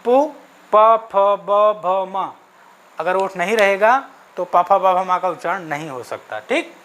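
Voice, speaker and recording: Male teacher leading an exam-prep grammar lesson at a slow, patient pace, constantly checking in and answering his own questions. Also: sits high, fairly bright tone. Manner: asks questions and answers them himself; checks in often with "okay". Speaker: Sanskrit teacher.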